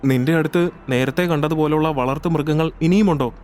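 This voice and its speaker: Brief: male actor as timid young man in an audio drama, sulky and pleading, raised pitch. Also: fairly quick, darkish tone, faint music behind, natural voice. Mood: resentful. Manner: pleading and complaining, voice pushed high. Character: young man, anxious, easily frightened, sulky.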